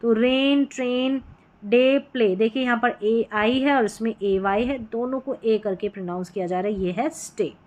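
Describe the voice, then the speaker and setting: A woman teaching English spelling sounds in a phonics lesson, patiently repeating each word and checking with quick questions. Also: mid-range voice, a little mellow.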